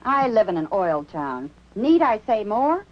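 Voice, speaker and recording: A woman's voice: mid-range voice, big pitch swings, measured pace. A woman playing a plain-spoken housewife giving a testimonial in a vintage TV commercial. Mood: frank. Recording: dull vintage TV soundtrack, faint music.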